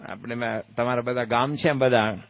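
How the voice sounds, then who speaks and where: A man's voice: mid-range voice, fairly even intonation, moderate pace, no room sound, lo-fi sound. A man, a swami giving a religious discourse, telling stories in a playful, folksy way and asking his listeners questions. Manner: folksy, playful, asks the crowd questions and acts out voices. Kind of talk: storytelling sermon.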